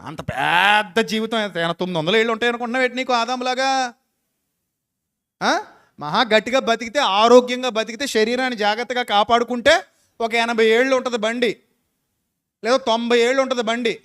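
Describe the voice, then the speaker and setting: Preacher, male, high voice, folksy, keeps questioning the congregation. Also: a bit bright, smooth. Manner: folksy, questioning the listeners directly, acting out quoted people. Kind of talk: sermon with closing prayer.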